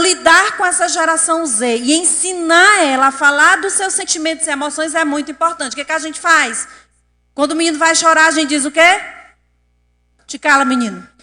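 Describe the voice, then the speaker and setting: A woman with a high, bright voice lectures an audience. She keeps asking them questions. Her voice carries a long reverb from a large chamber. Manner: asks the audience questions often. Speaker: speaker at a public event. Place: council chamber.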